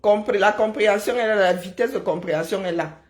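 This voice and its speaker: A woman's voice: mid-range voice, brisk. A middle-aged woman, chatting casually on a live stream and answering viewers in a teasing, sarcastic way, often tagging her sentences with "hein?". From Kribi, Cameroon.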